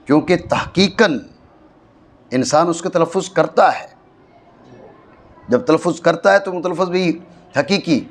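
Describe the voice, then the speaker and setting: A man with a Pakistani Urdu accent teaching a classroom grammar lesson, explaining slowly and often checking that his students follow. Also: a little high. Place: madrasa classroom.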